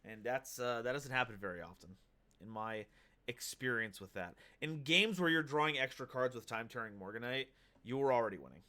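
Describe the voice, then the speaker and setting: A man's voice: medium pitch, expressive, brisk, bright, forceful tone. A man hosting a casual livestream, upbeat and hype, who reads card text aloud. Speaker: streamer host.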